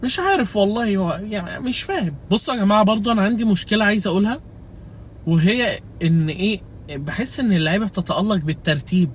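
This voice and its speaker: Young egyptian man, high voice, fast exasperated rant, egyptian accent, faint noise behind. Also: expressive. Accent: Egyptian Arabic. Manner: exasperated, mock-pleading with players. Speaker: fantasy football creator. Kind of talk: comedic fantasy football rant.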